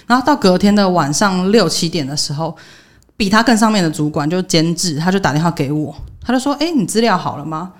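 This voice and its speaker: Young woman, low-ish voice, rapid animated storyteller. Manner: animated storytelling, acting out quoted dialogue. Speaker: podcast co-host. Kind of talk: casual chat, venting anecdote.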